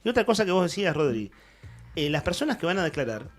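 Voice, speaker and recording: A man's voice: a little high, big pitch swings, quick pace. A man with an Argentine accent hosting a morning radio show, commenting on the news in a rambling way with many restarts. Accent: Argentine Spanish. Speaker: radio host. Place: radio studio.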